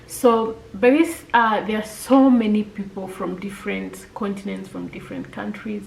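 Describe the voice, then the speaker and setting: A woman from Kenya with a Kenyan accent, chatting casually to camera as a vlogger, often pausing on fillers. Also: medium pitch, steady tone, gravelly, a little mellow, slight background noise, low-quality recording. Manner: chatty, with frequent filler pauses.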